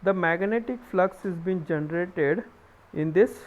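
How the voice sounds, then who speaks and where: An engineering lecturer with a high voice and an Indian accent teaches a live online class, explaining step by step at an unhurried pace. He poses questions and answers them himself, often repeating phrases, against heavy background noise.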